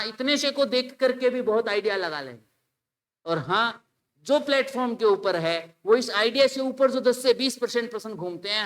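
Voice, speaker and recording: A male teacher giving an exam-prep grammar lecture, animated and mixing with English while acting out his students' questions. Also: high voice.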